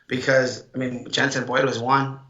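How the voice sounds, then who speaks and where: A man co-hosting a casual podcast about high school wrestling, chatty and full of "like" and "I mean" fillers. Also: flat delivery, moderate pace. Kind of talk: casual sports chat. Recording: bright, echoey, dull-sounding room mic.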